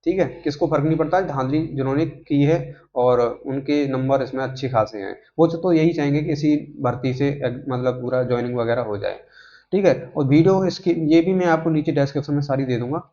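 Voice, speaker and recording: This YouTube host runs through job exam updates casually and unscripted, with a little rambling and frequent short tags to his viewers. He talks a little fast in a mellow, medium voice, and the mic sounds dull and lo-fi.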